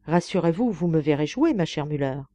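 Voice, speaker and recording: A woman reader voicing a grand, generous stage tragedienne who talks briskly and commandingly in an audiobook. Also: low-pitched, lively intonation, warm tone.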